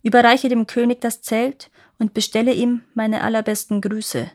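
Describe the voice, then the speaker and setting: A woman voicing a calm fairy queen. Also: on the high side, moderate pace, lightly acted.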